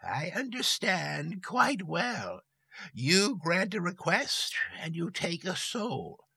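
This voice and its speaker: A man voicing a calm, stern old woman who talks in a slow, firm and deliberate way. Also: sits high, creaky, husky, no room sound, voice pushed up, full character voice. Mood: coolly firm.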